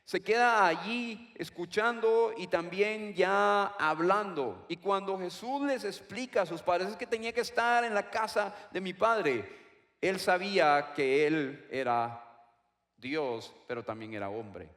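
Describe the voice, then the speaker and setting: A man preaching a sermon, slowly repeating and stressing key words. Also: high-pitched, fairly bright tone. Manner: slow, emphatic repetition of key words. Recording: long reverb of a large hall.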